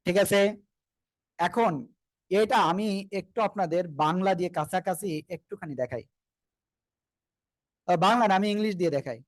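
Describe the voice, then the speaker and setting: A man's voice: high voice, normal speed, long pauses, dry recording. A man teaching Quran recitation to an online class, patient, drilling pronunciation and asking everyone to repeat together.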